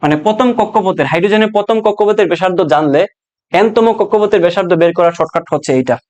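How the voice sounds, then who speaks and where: High-voiced man teaching physics. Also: racing, darkish tone. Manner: explains step by step, often checks understanding with "ঠিক আছে?"; colloquial, jokes to students. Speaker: physics tutor. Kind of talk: online exam-prep lesson.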